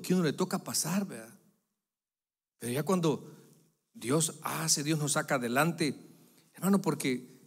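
Male pastor, fairly high voice, emphatic sermon delivery, recorded live in a reverberant church hall. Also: husky. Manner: emphatic preaching, swelling loud on key phrases and dropping low for asides. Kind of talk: preaching a sermon to a congregation. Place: church sanctuary.

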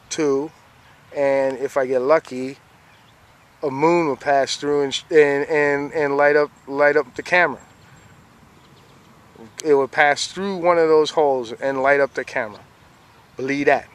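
A man's voice: medium pitch, steady tone, unhurried, long pauses. A man filming the sky outdoors on a handheld phone, rambling and repeating "see?" as he points things out. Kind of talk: casual filmed commentary. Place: outdoors beside a fenced yard.

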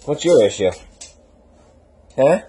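A young man with a medium-pitched, warm, slightly rough voice speaks slowly in a sing-song way. Vlogging casually indoors at home, he rambles to the camera and teases his dog with self-mocking humor.

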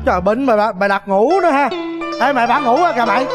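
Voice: medium pitch, animated, fast, lightly acted. A performer playing a rowdy, bullying schoolboy with brash, mocking banter in a comic opera scene. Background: loud traditional music.

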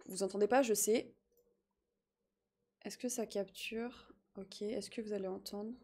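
A woman streaming live, chatting excitedly with her viewers while fixing her setup. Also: mid-range voice, measured pace. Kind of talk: live gaming stream chat.

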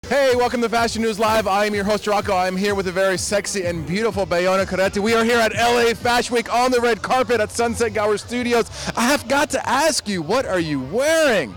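A man's voice: high voice, a little fast, few pauses, a bit bright, faint music behind, low-quality recording. A man in his thirties hosting a red carpet interview, flirty and joking, on a handheld mic. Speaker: host. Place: outdoor red carpet event.

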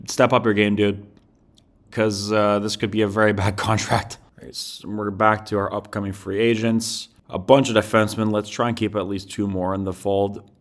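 A man's voice: on the low side, fairly bright tone. A man giving casual, wry commentary on a hockey management game, talking to his players as he goes. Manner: chatty, wry, talks to the players on screen. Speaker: gaming commentator.

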